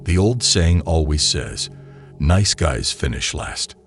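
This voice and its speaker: A man delivering scripted commentary voice-over in a measured, lecturing manner. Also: very deep voice, big pitch swings, faint music behind. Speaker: commentary narrator.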